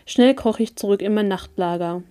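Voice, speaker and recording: A woman narrating a first-person story in an even, calm reading voice. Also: mid-range voice, normal speed, clear, resonant tone. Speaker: audiobook reader.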